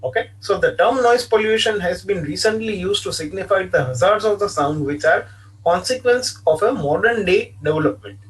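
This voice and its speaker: A man delivers an online class lecture in a fairly high voice. He explains step by step, repeats points, and often says "okay". The mic sits some distance away, so he sounds distant. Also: animated, normal speed. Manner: repetitive, explanatory, frequent "okay" fillers.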